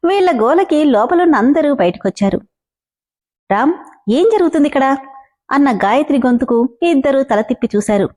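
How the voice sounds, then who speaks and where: A woman narrating a story aloud in a steady storytelling manner. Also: high-pitched, brisk, few pauses.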